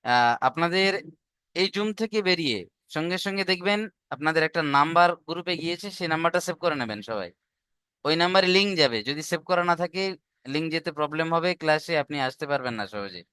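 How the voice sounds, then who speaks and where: A man's voice: fairly high pitch, animated, fast, pushed and bright, smooth, no echo, clean studio sound. A man teaching an online class, patient and repetitive, often asking his students whether they have understood. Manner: patient, repeats points and asks checking questions. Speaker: Quran recitation teacher.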